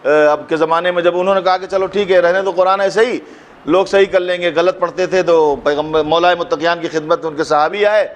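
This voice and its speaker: A man's voice: high voice, fairly even intonation. Fervent male preacher, rhetorical questions. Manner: rhetorical questions, rises to a fervent recited couplet. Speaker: cleric giving a mourning sermon. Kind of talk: impassioned majlis sermon. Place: mosque gathering.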